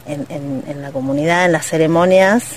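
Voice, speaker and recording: A woman with an Argentine accent hosting a radio interview, attentive and prompting with soft acknowledgments. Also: deep voice, moderate pace, a little hiss or hum. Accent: Argentine Spanish. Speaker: radio host.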